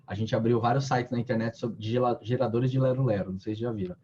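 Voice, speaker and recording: A man's voice: medium pitch, steady tone, fast, darkish tone, lo-fi sound, slight background noise. A man giving a casual online training talk, often restarting his sentences and using fillers. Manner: hesitant, many restarts and fillers.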